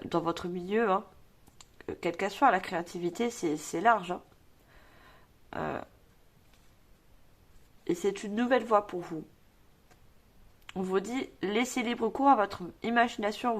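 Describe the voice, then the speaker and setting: A woman giving a tarot reading, rambling and repeating herself, with many fillers as she reads the cards aloud. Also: mid-range voice. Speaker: tarot reader.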